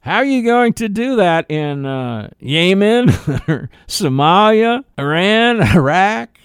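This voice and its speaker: A man's voice: sits high, very animated, takes it slowly, smooth, no echo, clean studio sound. A middle-aged man from the United States hosting a political commentary monologue, emphatic and full of rhetorical questions. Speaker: radio talk show host.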